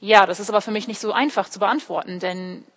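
A young theology student gives a church sermon in a hall with long, echoey reverb, faint music behind her, her mid-pitched, fairly bright voice moving at a quick pace. Born in California and raised in Heidelberg, Germany, she speaks native English, explaining directly to listeners with personal illustrations and short imagined quotes.

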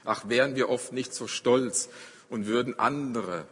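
A man preaching a sermon, telling a story dramatically and moving between loud, emphatic passages and hushed ones. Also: medium pitch, measured pace, husky, long reverb tail. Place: church.

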